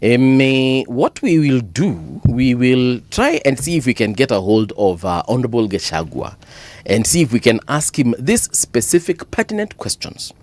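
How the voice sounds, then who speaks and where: Lively Kenyan man chatting on radio. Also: medium pitch, moderate pace, no room sound. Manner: chatty, mixes English and Swahili. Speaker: radio host. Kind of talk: casual live breakfast radio chat, reading listener messages.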